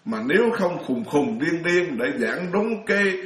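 Middle-aged monk, storytelling dharma talk, slightly high voice, roomy echo. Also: male voice, big pitch swings, measured pace. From Vietnam. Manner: chatty storyteller, laughs often, many restarts. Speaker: Buddhist monk lecturer.

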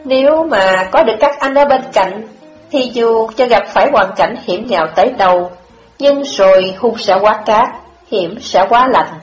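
A woman narrating an audiobook in a measured, expressive storytelling style. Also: on the high side. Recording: dull lo-fi audio, echoey room, faint music.

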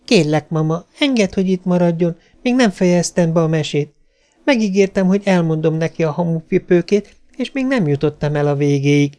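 A man voicing an eager little girl who begs and pleads in a high, breathless way in an audiobook story. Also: dark tone, clear, resonant tone, lightly acted. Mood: pleading.

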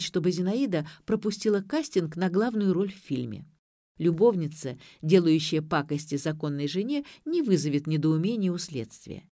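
Female audiobook narrator; expressive storytelling, low, dry studio sound. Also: no room sound.

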